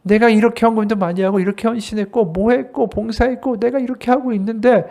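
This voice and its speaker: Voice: mid-range voice, fairly even intonation, fast, vocal fry, a little mellow. An associate pastor preaching a sermon at a church service, talking straight to the congregation and asking them rhetorical questions.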